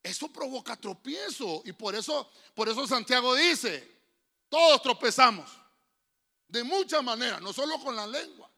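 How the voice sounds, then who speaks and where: A Honduran pastor preaching to his church in a high, bright voice with a gravelly edge. He keeps his congregation engaged with questions, and his pitch leaps around as he moves from loud calls to hushed whispers. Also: expressive, normal speed. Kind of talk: lively sermon.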